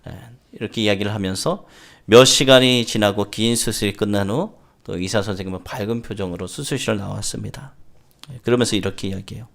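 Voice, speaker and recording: Pastor guy giving a sermon, tells stories, keeps saying yes between bits, lowish voice. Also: steady tone, creaky, fairly bright tone. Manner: storytelling, often filling pauses with a quick "yes".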